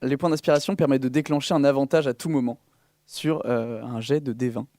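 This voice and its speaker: A man with a dark, mellow, mid-pitched voice runs a tabletop game. He improvises the narration in halting pieces as game master, and the recording is very dry. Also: steady tone, no room sound. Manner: hesitant, piecemeal phrasing.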